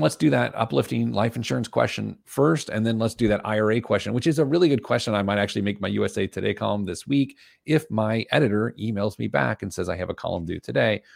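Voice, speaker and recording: A man with a hoarse, gravelly voice that is giving out, hosting a casual podcast in a jokey, self-deprecating way. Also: lowish voice, dry recording, clean studio sound. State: losing his voice. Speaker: podcast host.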